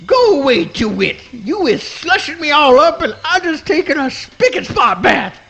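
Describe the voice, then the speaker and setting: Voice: high-pitched, very animated, normal speed, gravelly, fairly bright tone, faint music behind, full character voice. An actor voicing a mild-mannered male possum in folksy swamp dialect with mangled grammar, in a live radio play. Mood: exasperated.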